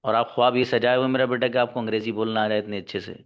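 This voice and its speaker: A man's voice: mid-range voice, little pitch movement, very fast. A male English teacher lecturing his class, scolding and exhorting his students to work hard. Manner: scolding, exhorting, calls students son and daughter. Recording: dull lo-fi recording.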